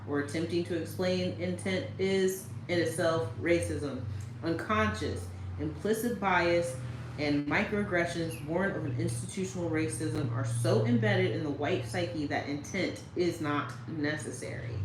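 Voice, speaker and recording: A woman's voice: on the low side, a little slow. A woman giving casual commentary straight to the viewer and reading quotes aloud, often checking in with her listener. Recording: roomy echo with faint noise.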